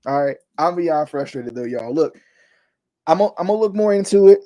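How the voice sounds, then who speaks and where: A man's voice: fairly high pitch, lively intonation, fairly quick, warm tone. A young man hosting a casual sports talk show, ranting in frustration, repeating himself and addressing viewers as y'all. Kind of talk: casual sports commentary vlog.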